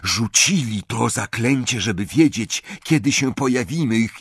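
A man voicing a tense teenage boy wizard who whispers hurried, urgent warnings in an audiobook reading. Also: medium pitch, expressive, breathy edge, no echo, studio quality, voice pushed up.

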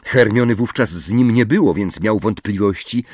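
Male audiobook narrator, low voice, expressive measured reading, dry close mic. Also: slightly rough, dry recording. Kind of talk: scripted narration.

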